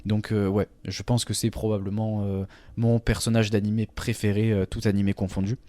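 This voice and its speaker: Male podcast co-host, casual chat, halting delivery full of fillers, low dry voice. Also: flat delivery, dark tone, no room sound. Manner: hesitant, many fillers.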